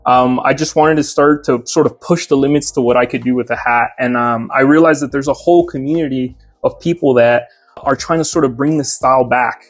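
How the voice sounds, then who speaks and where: A man's voice: medium pitch, steady tone, fairly quick, faint music behind. A young man who owns a hat shop, talking casually in an interview and explaining his craft step by step with lots of "uh"s. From Mexico. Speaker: hat maker and shop owner.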